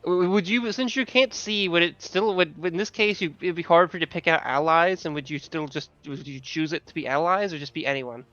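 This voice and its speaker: Smooth, higher-voiced man running a game. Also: a bit bright, no echo, dull audio. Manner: halting, searching for descriptions. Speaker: game master. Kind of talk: improvised tabletop game narration.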